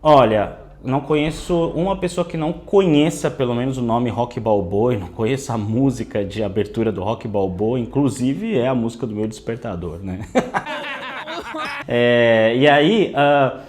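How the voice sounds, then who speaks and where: A tarot teacher hosts a casual video lesson on his channel, chatting with lively intonation at a moderate pace in a medium-pitched, darkish voice. Dry air leaves his voice slightly off, and he keeps ending phrases with a questioning "né".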